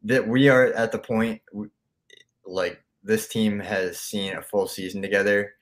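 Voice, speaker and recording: A man with a fairly low voice, talking through his views on a casual sports podcast. He sounds steady and sure of his opinions and reasons them out as he goes. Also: unhurried. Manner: steady, opinionated, thinks aloud. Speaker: podcast co-host.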